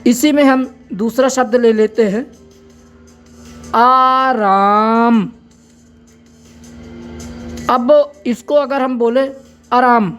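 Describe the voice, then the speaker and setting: Casting: woman teacher, higher voice, very slow and patient, faint music underneath. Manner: patient, spells words out and explains step by step. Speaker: braille teacher. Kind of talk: slow spoken lesson.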